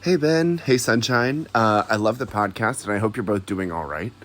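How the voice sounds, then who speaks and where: A man's voice: on the low side, normal speed, fairly bright tone. A man leaving an earnest, reflective voicemail for a podcast as a listener.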